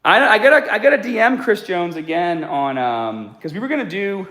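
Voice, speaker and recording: A man's voice: sits high, sing-song, moderate pace, bright, forceful tone. Kinda sick winded guy reading chat between sets, laid back, lotta sighs, roomy echo. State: slightly sick and out of breath. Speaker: fitness channel host. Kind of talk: casual live-stream chat while working out. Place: home gym.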